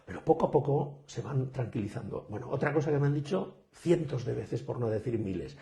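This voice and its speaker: Man, speaking coach, lively storyteller, dark gravelly voice, video call. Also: medium pitch, fairly quick. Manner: animated storyteller, acts out quoted students. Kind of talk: interview answers.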